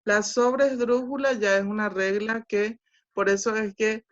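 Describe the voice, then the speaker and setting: A woman teaching an online class, speaking slowly and deliberately and checking in with short questions. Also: mid-range voice, fairly even intonation. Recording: dull lo-fi online class audio.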